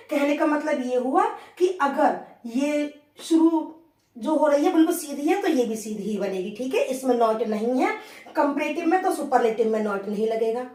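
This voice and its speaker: A woman with a high voice explains grammar rules step by step, checking in often with a rising "okay". She slows right down to dictate example sentences word by word. The sound is roomy and echoey, picked up from some way off the mic. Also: a little mellow, distant mic. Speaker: English grammar teacher. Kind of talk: blackboard grammar lesson.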